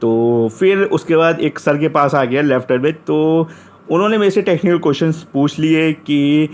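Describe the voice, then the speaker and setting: A young man from Uttar Pradesh, India, chattily tells the story of his job interview, retelling the dialogue with frequent restarts. His voice is fairly high and his pace moderate, in a casual storytelling style.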